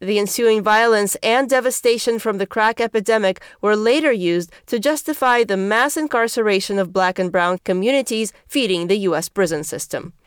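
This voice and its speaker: A woman radio host reads the news in a measured, formal way. Her voice is smooth and resonant, and the recording is dry and close. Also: mid-range voice, no room sound. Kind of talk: scripted news narration.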